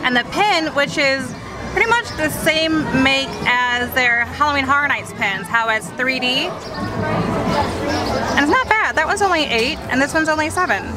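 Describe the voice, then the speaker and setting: High-pitched woman over loud music. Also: expressive, measured pace. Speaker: vlog co-host. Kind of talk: casual merchandise commentary. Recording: loud music and crowd behind.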